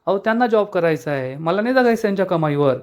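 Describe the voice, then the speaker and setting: A man's voice: high-pitched, animated, fast. A man reading the lines of a cheeky, joking young man in a retold story. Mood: joking, breezy. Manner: playful, reassuring.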